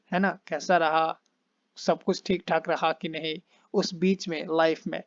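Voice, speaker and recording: A man teaching English in Hindi, explaining phrases and slowly modeling their intonation. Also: high-pitched, no room sound, highs cut off. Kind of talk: casual spoken English lesson in Hindi.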